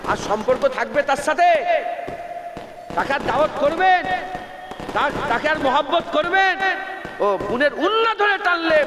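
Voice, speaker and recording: A male preacher with a Bengali accent, giving a sermon that calls on the crowd to answer and chants Arabic verses. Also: very high-pitched. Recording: echoey outdoor sound system with loud background noise.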